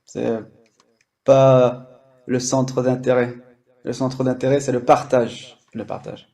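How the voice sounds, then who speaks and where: A man's voice: medium pitch, little pitch movement, takes it slowly, mellow. A French-speaking man hosting a language-learning live stream, explaining casually with many fillers and restarts.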